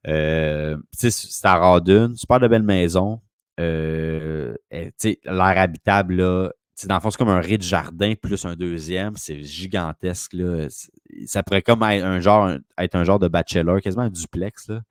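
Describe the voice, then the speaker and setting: A man's voice: low-pitched, normal speed, clean tone, no room sound, studio quality. A man with a Quebec French accent, a real estate broker telling a long rambling story in casual conversation.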